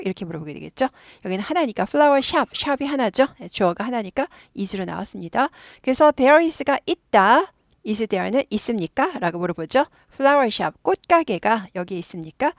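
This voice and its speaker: Gravelly-voiced woman teaching English. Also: on the high side, no echo, clean studio sound. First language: Korean. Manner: lively, repeats phrases for drilling. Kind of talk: explaining an English dialogue.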